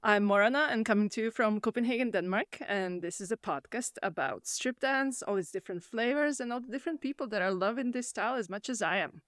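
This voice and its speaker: A woman's voice: on the high side, fast talker, hardly any pauses, fairly bright tone, no room sound. Woman hosting a podcast, dry sound. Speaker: podcast host. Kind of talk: podcast interview.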